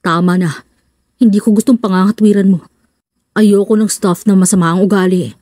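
A woman voicing a protective, wealthy young husband who speaks firmly and a bit lower, in an audiobook. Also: fairly even intonation, normal speed, mellow, no room sound, clean studio sound, close to an everyday voice. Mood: stern. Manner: firm, commanding.

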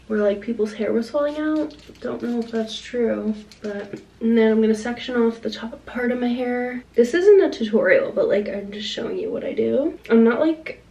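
Her voice is on the high side and warm, though the recording is low quality and the mic distant. She's a vlogger in her twenties from Long Island, USA, speaking with that region's American accent in a rambling, casual chat to camera, loaded with "like." She's at home, in a small indoor room and then the kitchen.

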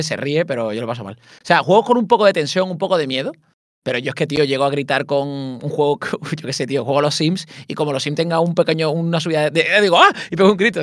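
Guy streamer on a call, talks super fast, fairly high voice, dry sound, lots of swearing. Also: dry recording. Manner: swearing, animated and self-mocking. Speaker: streamer and interview guest. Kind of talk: casual interview chat.

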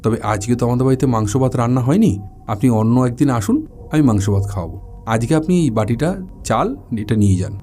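A man voicing a busy, short-tempered village housewife and mother, speaking briskly and impatiently over a faint music bed. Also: medium pitch, lively intonation, mellow, close to an everyday voice.

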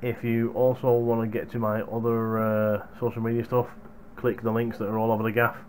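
A young hardware reviewer chats casually to viewers in a fairly low, darkish voice, his delivery completely flat and a little fast. Slight background noise comes through the gaming headset boom mic in his small room at home.

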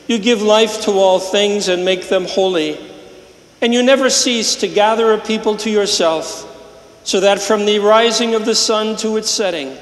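High-voiced priest in cathedral echo. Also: male voice. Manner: measured, solemn intoning. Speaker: priest celebrating Mass. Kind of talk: liturgical prayer. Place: large church. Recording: roomy church with long reverb.

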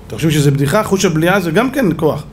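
A man, a rabbi, teaching a lively Torah lesson to an audience in a room, swinging between loud exclamations and low asides. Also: slight background noise.

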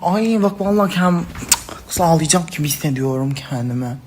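A woman's voice: deep voice, animated, brisk, darkish tone, slight background noise. A woman talking to her followers in casual phone story clips, dramatic and gushing, calling them princesses and girls. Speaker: social media personality.

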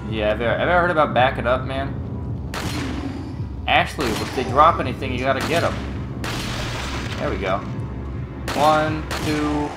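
Man, gamer commentary, excitable, swearing, lively swooping voice, loud game music behind. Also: mid-range voice, normal speed, pauses often. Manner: excitable, swears a lot, yelps in panic. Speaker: let's play gamer.

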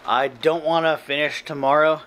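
A man in his thirties, vlogging casually in a small hotel room late at night, talking slowly and rambling with lots of fillers because he is very tired. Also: fairly high pitch, steady tone, a bit bright, slight background noise. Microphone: handheld camera close to face.

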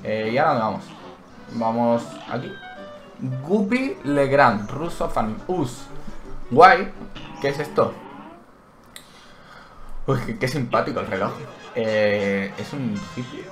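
Excitable man playing a game. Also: medium pitch, a little slow, long pauses. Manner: excitable, yelps and cries out when hit; thinks aloud, reads menu text aloud. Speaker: gaming channel host. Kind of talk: Let's Play commentary. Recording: roomy echo with game music behind.

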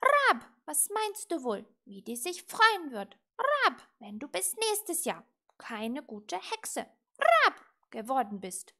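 A woman voicing a stern male raven who scolds his witch companion and croaks between his words in a storybook reading. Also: high-pitched, huge pitch swings, slow, pushed and bright, pitched above the performer's own voice, heavily acted. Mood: scolding.

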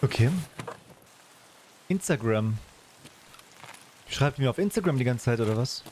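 A man's voice: medium pitch, expressive, unhurried, a little mellow, slight background noise. A man in his thirties chatting casually as he streams his gameplay from a room indoors. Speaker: game streamer. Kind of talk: casual live gaming chat.

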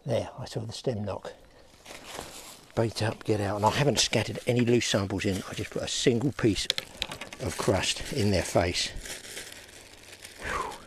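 A man's voice: fairly low pitch, measured pace, long pauses, background noise. A man vlogging outdoors by a lake, chatting straight to his viewers as he fishes. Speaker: fishing vlogger. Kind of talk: casual outdoor commentary.

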